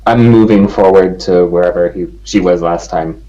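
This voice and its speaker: A man with a fairly low voice plays a tabletop game. He speaks casually, as if chatting with the group. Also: steady tone, normal speed, warm tone, dull audio.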